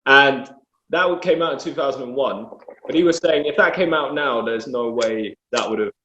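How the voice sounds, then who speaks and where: A man's voice: medium pitch, moderate pace, a bit bright, slight background noise. A man in a casual podcast discussion who recounts things he has read in a meandering way. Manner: relays anecdotes, meandering. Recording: roomy dull lo-fi audio.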